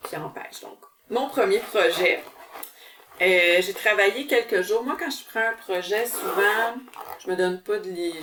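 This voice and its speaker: A woman's voice: fairly low pitch, far from the mic. A woman with a Québécois French accent hosting a casual cross-stitch vlog, chatty and full of fillers and restarts. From Quebec, Canada. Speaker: cross-stitch channel host. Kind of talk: casual show-and-tell vlog.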